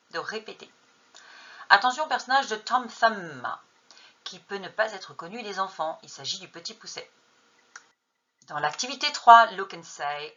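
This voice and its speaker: A woman's voice: fairly low pitch, pushed and bright, dull audio. A woman teacher trainer narrating a lesson, posing true-or-false questions and then answering them. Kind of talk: narrated lesson on an English textbook.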